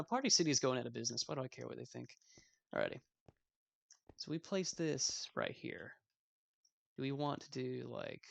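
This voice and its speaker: A man's voice: medium pitch, gravelly. A 21-year-old man giving casual gameplay commentary as a let's play host, rambling with self-mocking asides.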